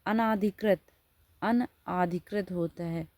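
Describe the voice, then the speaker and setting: A woman's voice: fairly low pitch, slow pace, mellow, dry recording. A woman teacher giving a Hindi spelling lesson. She reads each word out, then explains and corrects it.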